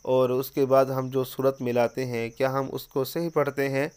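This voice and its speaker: A man's voice: medium pitch, flat delivery, a little mellow, clear, resonant tone. A man giving an earnest religious lesson on prayer, asking his listeners question after question. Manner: earnest, repeats rhetorical questions. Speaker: religious teacher.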